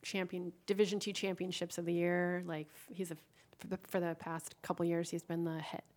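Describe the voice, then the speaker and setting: Chatty woman with a lowish voice hosting an interview. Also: level tone, brisk, darkish tone. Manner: chatty, leading questions with long setups. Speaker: podcast host. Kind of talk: casual interview.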